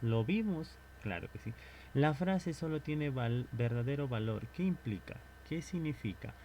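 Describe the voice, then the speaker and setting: A man's voice: medium pitch, expressive, a little slow, darkish tone, a little hiss or hum. Man teaching, asking himself questions. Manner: asks and answers his own questions. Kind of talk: recorded online lesson.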